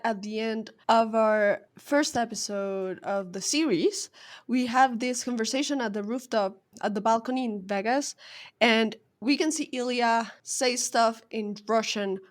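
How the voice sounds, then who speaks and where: A higher-pitched woman whose first language is Spanish co-hosts a casual podcast. Her manner is thoughtful, explanatory and academic.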